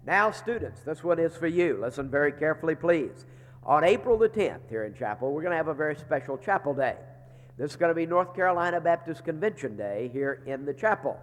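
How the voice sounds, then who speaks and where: Sounding stuffed up from a sinus infection, like he's inside a barrel, a middle-aged seminary leader gives chapel announcements in a joking, folksy way with frequent "uh" fillers. His voice sits on the high side, brisk and lively in intonation. A large chapel lends long reverb.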